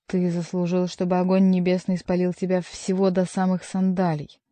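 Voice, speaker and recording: A woman's voice: fairly low pitch, completely flat delivery, normal speed, warm tone, dry recording, lightly acted. A woman voicing a stern male jester who scolds a monk, reading a storybook aloud. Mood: scolding.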